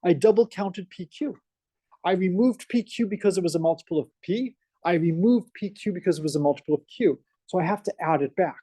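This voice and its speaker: In a lecture classroom, a male math professor with a Boston accent teaches energetically, peppering students with questions. His high voice is mellow and dark, fairly quick, and captured dry and close with little room sound.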